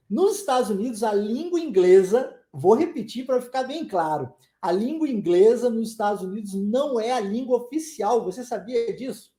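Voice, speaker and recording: A woman teaching English in a live online lesson, chatting with viewers, laughing often and checking in with quick questions. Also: fairly high pitch, warm tone, roomy sound.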